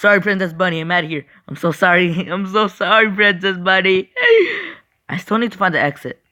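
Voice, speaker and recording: A young man giving casual, chatty gameplay commentary, excitable and apologetic, talking straight to his viewers. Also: sits high, moderate pace. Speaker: gaming channel host.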